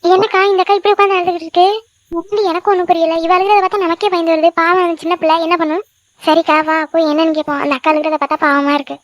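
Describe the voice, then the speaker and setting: A woman voicing a gentle young aunt who calms family quarrels in a cartoon. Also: extremely high pitch, rapid-fire, dry recording. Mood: calming. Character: soothing young aunt, calm peacemaker.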